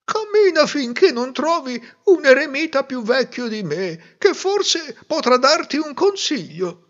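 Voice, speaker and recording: A man voicing an old male hermit in a fairy tale, slow, drawn-out and gentle. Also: extremely high pitch, sing-song, dull audio, pitched above the performer's own voice, full character voice. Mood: kindly. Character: old male hermit, kindly but helpless.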